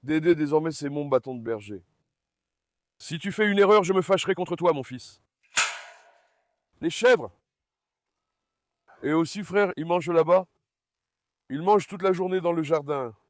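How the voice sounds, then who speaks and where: A man's voice: fairly high pitch, moderate pace, long pauses. A man vlogging from his farm in a casual, chatty way, coaxing his animals fondly. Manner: chatty, coaxing and fond when talking to animals. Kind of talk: casual vlog narration.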